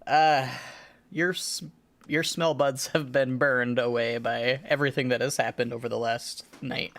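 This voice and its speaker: A man narrating a tabletop role-playing game as game master, describing scenes in a halting, improvised way. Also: mid-range voice, steady tone, a crowd in the background.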